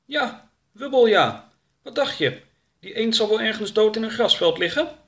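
A man's voice: sits high, animated, normal speed, a bit bright, voice pushed up. Man putting on a sulky sarcastic talking duck. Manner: indignant, sarcastic.

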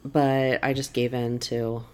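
A young woman co-hosting a podcast in casual chat, relaxed and laughing often. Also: extremely low pitch, slow. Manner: relaxed, laughs often, soft murmured agreements. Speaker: podcast co-host.

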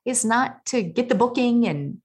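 A woman guest on a podcast, giving advice in an energetic, emphatic coaching way. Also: a little high, moderate pace. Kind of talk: conversational interview.

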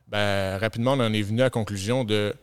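A man from Quebec with a Québécois French accent, co-hosting a casual podcast and explaining things with steady enthusiasm. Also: on the low side, quick pace, clear, resonant tone. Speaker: podcast co-host, gym owner. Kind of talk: casual chat.

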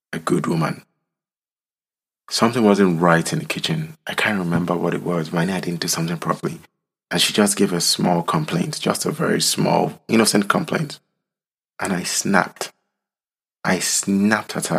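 A man, from Nigeria, telling his own story in slow, solemn, reflective narration. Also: deep voice, vocal fry, a bit bright, husky. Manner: slow, solemn, deliberate delivery.

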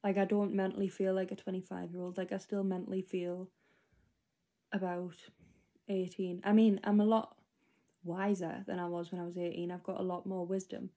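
A woman's voice: lowish voice, level tone, normal speed, mellow. A 25-year-old woman rambling through a spoken diary entry, casual and full of fillers. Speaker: podcast host.

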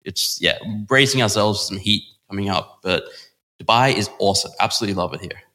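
A man co-hosting a casual podcast chat, rambling and relaxed, laughing easily. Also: on the low side, a little fast. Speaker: podcast co-host.

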